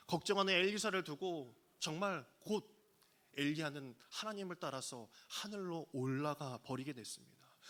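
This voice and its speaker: Bright-voiced pastor telling a story. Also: male voice. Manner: storytelling, acting out quoted lines with sudden pitch jumps. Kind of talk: sermon. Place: church sanctuary.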